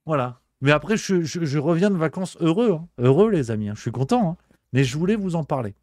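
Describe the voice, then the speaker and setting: A man's voice: a little high, expressive, fairly quick, darkish tone, dry recording, clean studio sound. A male host delivering a comedic rant on a livestream show, exasperated and swearing, repeating his grumbles.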